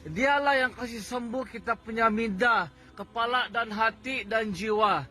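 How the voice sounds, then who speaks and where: A woman's voice: fairly high pitch, measured pace, bright, forceful tone. A woman preacher evangelizing and leading a prayer in a coaxing, instructive way.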